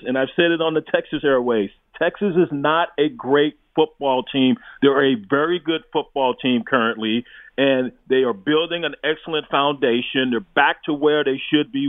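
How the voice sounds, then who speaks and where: A man's voice: medium pitch, dry recording. A man, a college football analyst, giving emphatic, blunt opinions as a guest on sports talk radio. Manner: emphatic, blunt, with restarts and chuckles. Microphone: phone line into studio. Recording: tinny phone line, dry.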